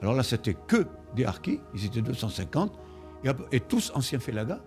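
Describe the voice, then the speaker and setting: A man's voice: mid-range voice, big pitch swings, fairly quick. An older man, an army veteran, talking informally in an interview. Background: faint music.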